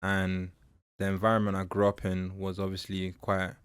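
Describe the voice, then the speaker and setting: A young man born in Nigeria, a mentor and public speaker, telling his story in an interview in a halting, reflective way with many fillers. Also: low voice, completely flat delivery, clear, resonant tone, no room sound. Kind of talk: candid personal interview.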